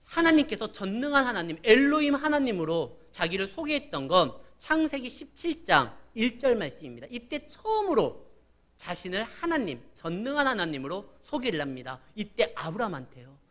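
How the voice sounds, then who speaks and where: A man's voice: high voice, sing-song, moderate pace, a bit bright. A man, a pastor, preaching a sermon in a conversational way, acting out biblical dialogue as he goes.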